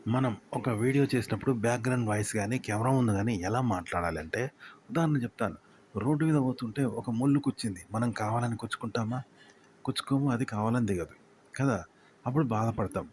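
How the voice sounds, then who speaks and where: A man's voice: fairly low pitch, darkish tone, a little hiss or hum. A man explaining tips in a talk to camera, repeating himself and asking rhetorical questions. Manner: repetitive, full of rhetorical questions. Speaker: YouTube tips instructor.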